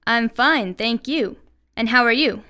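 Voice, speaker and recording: A polite, bright little fox from a storybook speaks in a high, smooth, clear voice, as a woman puts it on. The voice rises well above the narrator's usual pitch. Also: measured pace. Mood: friendly. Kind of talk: children's English-lesson story.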